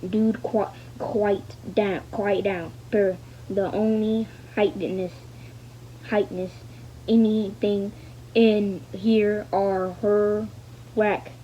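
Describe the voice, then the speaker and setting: A woman with a medium-pitched, mellow voice reads a novel aloud slowly and flatly, like a learner. She hesitates, stumbles over words, repeats fragments and says the punctuation out loud. The recording is dull and lo-fi with faint noise.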